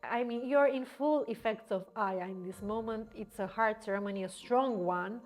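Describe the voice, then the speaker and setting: A young woman vlogger, a native German speaker, casually telling a personal story to the camera in an animated way, laughing often and restarting words. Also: fairly high pitch, moderate pace, faint music behind.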